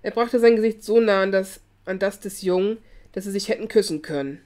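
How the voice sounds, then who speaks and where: A woman reading a novel aloud as an audiobook, steady, with small slips she corrects. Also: mid-range voice, fairly quick. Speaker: hobby audiobook reader.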